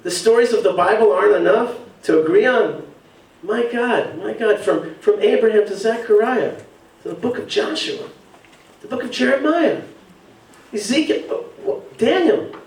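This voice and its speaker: A man's voice: sits high, lively intonation, moderate pace, roomy sound, recorded from a distance, rough recording. A man giving an emphatic public speech from a podium at an evening event, repeating and building his phrases. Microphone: podium mic.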